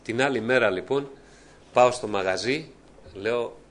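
A middle-aged man preaching a fervent testimony sermon, often calling out to his beloved brethren. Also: mid-range voice. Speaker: church preacher giving testimony.

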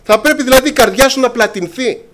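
A man's voice: very high-pitched, a bit bright. A man preaching a sermon to his congregation, impassioned, often calling them brothers and acting out scripture dialogue.

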